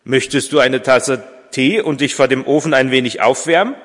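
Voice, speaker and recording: A man reading aloud as a kind old shoemaker, gentle and eager, with hesitant fillers, in a reverberant church. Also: medium pitch, normal speed, natural voice. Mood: kindly. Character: kindly old male shoemaker, warm and hopeful.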